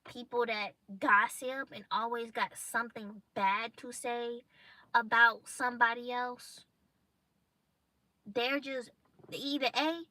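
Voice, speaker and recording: A woman's voice: fairly high pitch, fairly even intonation, takes it slowly, bright, forceful tone, no room sound. A young woman vlogger giving a casual motivational monologue, emphatic and blunt with slang. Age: young adult.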